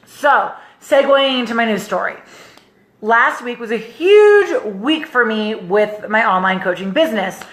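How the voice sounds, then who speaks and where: A young woman coach telling a personal story to camera in a casual, animated way. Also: on the high side, measured pace. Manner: animated, chatty, acts out others' voices. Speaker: life coach. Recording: echoey room.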